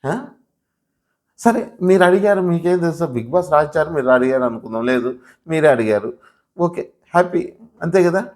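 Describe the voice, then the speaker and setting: A man, his voice sitting a little high, talks through a show review in loose, animated commentary. He keeps pressing his point with rhetorical questions. He speaks straight to his viewers as "sir". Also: normal speed, long pauses. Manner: addresses viewers directly as sir. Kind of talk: casual spoken commentary.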